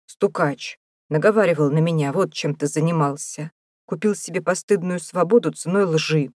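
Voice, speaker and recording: A woman's voice: low voice, moderate pace, darkish tone, dry recording, studio quality. A woman voicing a desperate, starving male prisoner who pleads and rages in an audiobook. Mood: pleading, indignant. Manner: pleading, wailing, indignant.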